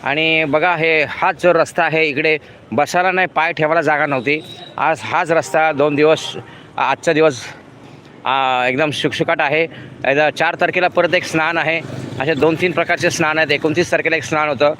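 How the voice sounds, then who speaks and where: Brief: fifties male live-streamer, slightly high voice, rambling and friendly, outdoor phone audio with faint traffic behind. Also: fairly even intonation, normal speed, pushed and bright. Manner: chatty, with many fillers and restarts. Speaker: vlogger. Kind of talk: live-stream walking vlog. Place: outdoors on a city road at night.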